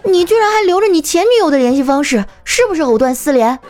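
A woman's voice: on the high side, sing-song, fairly quick, a little mellow, a little hiss or hum. A woman voicing her young female friend, a sulky foodie, with a whiny, teasing manner. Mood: petulant.

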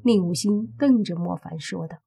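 A woman narrating a web-novel audiobook in slow, even storytelling. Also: on the low side, vocal fry, husky. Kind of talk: scripted narration. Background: faint background music.

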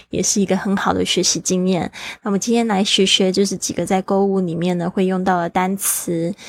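A woman's voice: medium pitch, no echo. A woman hosting a casual podcast lesson, teaching English shopping words and spelling them out letter by letter in a chatty, upbeat way.

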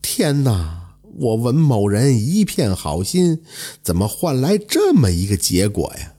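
A kind young scholar wrongly accused, pleading and lamenting with a husky edge, as a male storyteller puts him on. His voice rises and falls a lot. It sounds like an oral folk tale. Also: mid-range voice, very animated, unhurried, dark tone. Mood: despairing.

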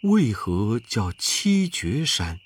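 A storyteller voicing a gentle, fretful pilgrim monk who speaks softly and politely. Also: mid-range voice, very animated, very slow, slightly rough, no echo, exaggerated voice. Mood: puzzled. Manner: soft, pleading, polite. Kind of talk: children's storybook narration.

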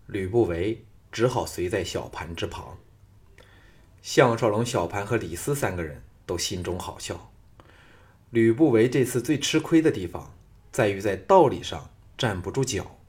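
A man narrating a martial arts novel as an audiobook in a steady, measured storytelling voice. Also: lowish voice.

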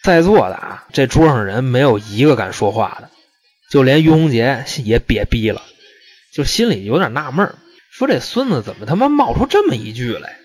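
A man's voice: mid-range voice, big pitch swings, moderate pace, a little mellow, faint music behind. A man telling a true-crime story in a casual, slangy, profane way.

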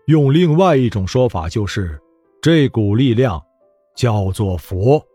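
A man's voice: mid-range voice, lively intonation, takes it slowly, dark tone, no echo, faint music behind. A stern demon-queller delivers grave words in a storybook reading, as a male narrator puts him on. He speaks solemnly and lets his sentences land with weight, in a dry, close sound.

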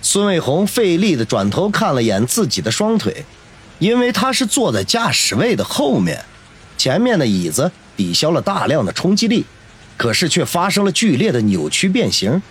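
A man's voice: a little high, huge pitch swings, moderate pace, slightly rough. Dramatic male audiobook narrator. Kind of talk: scripted novel narration.

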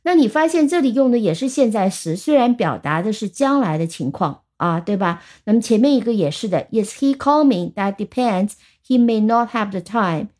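A woman teaching vocabulary, explaining patiently and reading the example sentences slowly. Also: medium pitch, lively intonation, a little mellow. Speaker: English teacher. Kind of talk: vocabulary lesson.

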